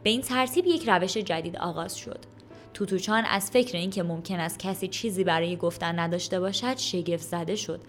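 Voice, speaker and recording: A woman reading a children's story aloud as an audiobook narrator, calm and even. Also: on the low side. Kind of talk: scripted narration.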